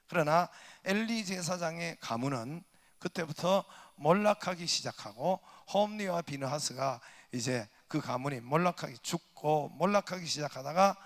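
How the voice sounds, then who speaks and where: A man preaching a Sunday sermon as pastor, moving from light humor into steady Bible teaching. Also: on the high side, long reverb tail. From South Korea. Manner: jokes in regional dialects before teaching. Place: church sanctuary.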